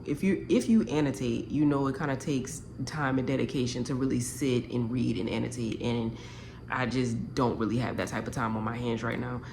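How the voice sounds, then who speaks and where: A woman's voice: extremely low pitch, background noise. A woman vlogging casually from her bedroom about a book she is reading, chatting candidly to her viewers and swearing freely. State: tired. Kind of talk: casual chat to camera. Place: bedroom at home.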